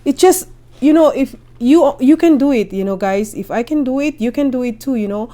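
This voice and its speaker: A woman vlogs from her home in Canada, giving casual caregiver job advice straight to camera. Her voice sits high and animated with a dark tone, moving at a normal speed. She's chatty and encouraging and often checks in with her viewers.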